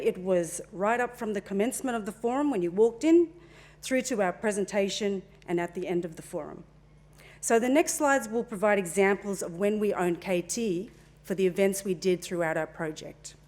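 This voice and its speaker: A middle-aged woman gives a conference presentation at a forum, speaking on a handheld mic in a meeting room. Her ordinary middle-pitched voice is relaxed and chatty at normal speed, full of small asides and fillers.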